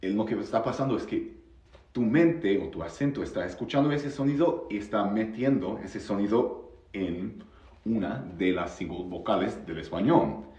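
A man's voice: fairly low pitch, a little mellow, roomy sound. A man teaching pronunciation on a live stream, explaining in Spanish and drilling sounds over and over. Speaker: English teacher.

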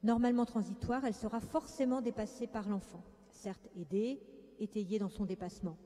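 A woman's voice: mid-range voice, fairly even intonation, normal speed, dark tone. A woman clinical psychologist giving a conference talk, speaking hesitantly with many fillers. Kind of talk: conference lecture. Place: conference hall. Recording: echoey conference hall.

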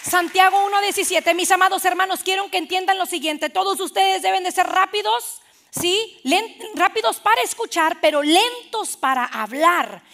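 Woman pastor, high gravelly voice, playful sermon delivery. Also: moderate pace, a faint crowd. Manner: animated, playful preacher acting out little scenes. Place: church.

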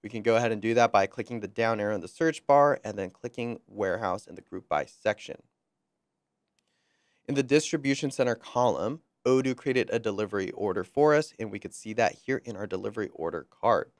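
A young man presenting a screen-recorded software walkthrough, friendly and upbeat with light jokes, on a close mic. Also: on the low side, a little fast, dry recording.

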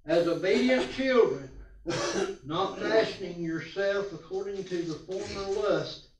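Slow-spoken preacher at a pulpit microphone. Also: male voice, high voice, slight background noise. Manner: slow, deliberate reading with small stumbles. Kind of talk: sermon with scripture reading. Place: church sanctuary. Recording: roomy church sound from a distance.

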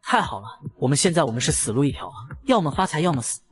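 Man doing a boastful male bandit chief, low and blustering. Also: sing-song, very fast. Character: greedy hot-tempered male bandit chief. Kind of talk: comic recap voice acting.

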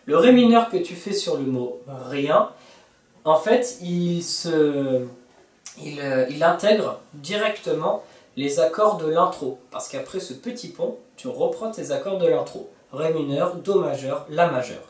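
A man's voice: on the high side, expressive, a little slow, recorded from a distance. A man teaching a song on guitar, talking casually to the viewer, counting beats and singing bits of the lyrics. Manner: talks to the viewer informally, counts beats and sings lyric snippets over guitar. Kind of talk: guitar tutorial explanation. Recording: roomy, from off-mic, with guitar playing.

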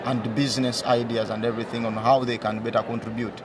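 A man interviewed at a convention, explaining briskly. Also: medium pitch, little pitch movement, recorded from a distance, crowd noise.

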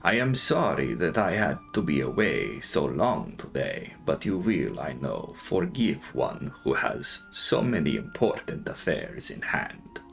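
A man voicing a courtly, commanding Transylvanian count in an audiobook, speaking in formal, drawn-out, measured phrases with a sinister edge. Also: extremely low pitch, very animated, gravelly, fairly bright tone, soft background music, pitched below the performer's own voice, heavily acted. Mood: formal, ominous. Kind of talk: dramatic audiobook character reading.

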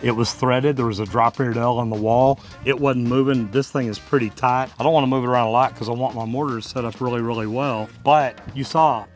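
A man in his 50s to 60s, working as a plumber and video host, gives a casual, folksy tutorial on a hands-on job outside a brick house. He talks a little fast with few pauses, in a medium pitch with fairly even intonation, and music plays in the background.

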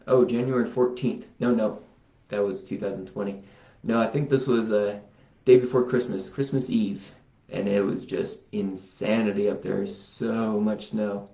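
A man talks slowly and unhurriedly, wandering from thought to thought as if talking to himself. His voice sits in the middle range. The recording has a roomy echo and a dull, lo-fi sound. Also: fairly low pitch, a little mellow. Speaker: vlogger. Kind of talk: casual self-healing demonstration vlog.

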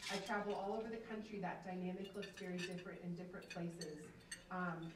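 Holding a handheld microphone, a keynote speaker delivers an earnest, emphatic faith testimony in a large banquet room. She's a woman in her thirties from Atlanta in the US South, and her voice sits on the low side. The recording picks up background noise, echoes off the hall, and sounds distant.

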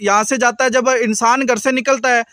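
A middle-aged man interviews a buyer outdoors on a buffalo farm, speaking into a small handheld mic. His voice sits very high and bright, and it sounds dry and close. He keeps repeating his questions and adds polite "ji" to them. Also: steady tone, moderate pace, no room sound. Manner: repetitive, leading questions with polite "ji". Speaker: dairy channel host interviewing a buyer.

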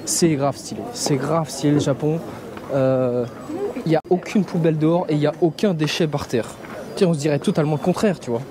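A young adult vlogger from France, with a Parisian accent, rambles in slang while walking a busy traditional shopping street, holding the camera at arm's length. His voice is a little high and fairly quick, with street noise and a crowd behind him.

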